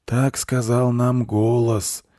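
A man's voice: medium pitch, level tone, mellow, no echo, studio quality, pitched above the performer's own voice, lightly acted. Man doing a pompous old beaver. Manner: slow, solemn and self-important. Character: very old grey male beaver, pompous zealot.

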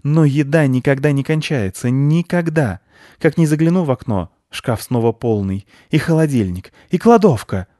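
A man's voice: mid-range voice, expressive, moderate pace, warm tone, no room sound, studio quality, voice pushed up, natural voice. A man voicing a greedy, hysterical female squirrel who shrieks and rants in a storybook reading. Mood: agitated, paranoid. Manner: shrieking, frantic, paranoid.

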